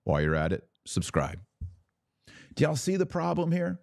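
His voice sits a little high and swings hugely in pitch, creaky and at normal speed. As host of an opinionated religious podcast, he lectures his audience emphatically and preachily with rhetorical questions and asides, recorded in studio quality without echo.

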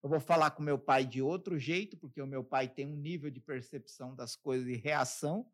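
A man's voice: medium pitch, fairly even intonation, fairly quick. A man with a Brazilian accent, co-hosting a podcast and explaining ideas with acted-out everyday examples in casual talk. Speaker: podcast co-host.

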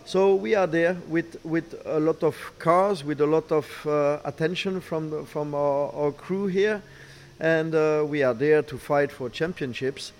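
Halting middle-aged man, non-native English speaker. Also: on the high side, a little mellow. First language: not English. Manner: halting, searching for words, repeats phrases. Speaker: racing team boss, former driver. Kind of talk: interview answers. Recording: clear background noise, ambient sound.

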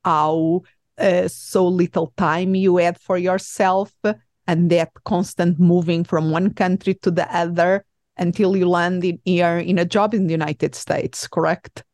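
Portuguese-accented woman host, low voice. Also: level tone, a little slow, darkish tone, no echo, clean studio sound. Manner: hesitant, many fillers and restarts. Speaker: podcast host. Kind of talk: conversational interview.

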